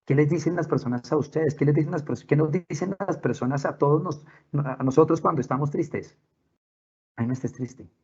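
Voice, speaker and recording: A man's voice: a little high, brisk, a little mellow, husky, dull audio. A man giving a talk to parents from home, telling stories from his own life and asking questions in an earnest way. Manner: earnest, storytelling, asks questions. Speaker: parent workshop speaker. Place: at home, with pets nearby.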